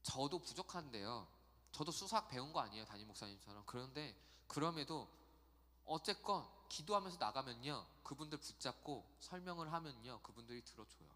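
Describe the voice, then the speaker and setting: A man giving a youth sermon in a church, chatty and animated, telling stories and acting out quotes. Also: medium pitch, brisk, long reverb tail. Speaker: youth pastor. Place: church sanctuary.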